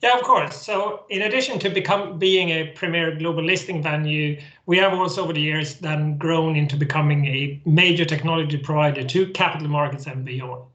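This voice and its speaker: A man's voice: on the high side, a little fast, hardly any pauses, a bit bright, reverberant, highs cut off. A man from Sweden with a Swedish accent, explaining his company's work as a webinar guest, earnest, with restarts and repeated words. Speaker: guest executive.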